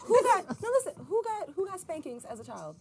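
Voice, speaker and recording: Energetic woman host, lively and high. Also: a little fast. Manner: energetic, laughing, leads games. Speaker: podcast co-host. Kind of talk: casual podcast chat. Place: studio with live audience. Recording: live studio with audience noise.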